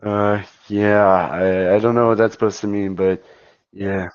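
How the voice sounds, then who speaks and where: A man's voice: lowish voice, level tone, unhurried, smooth, no echo, muffled recording. A man in casual online voice chat, talking in a laid-back, mumbling, dismissive way. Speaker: voice chat debater.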